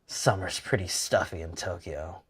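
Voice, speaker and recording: A man's voice: low voice, moderate pace, a bit bright, breathy edge, voice pushed down, full character voice. A man voicing a young adult traveler in a story game, chatting casually. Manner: casual, friendly small talk.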